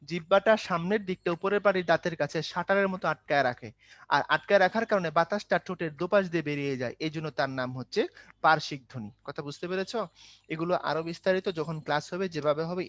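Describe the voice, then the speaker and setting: A man teaching Bengali grammar in an online demo class, lively and rhythmic as he drills terms and speaks directly to his students. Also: high-pitched, no echo.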